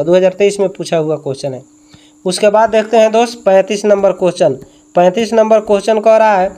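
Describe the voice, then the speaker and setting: A man's voice: high voice, warm tone. A male tuition teacher going through exam questions, repeating each answer and quizzing with rhetorical questions.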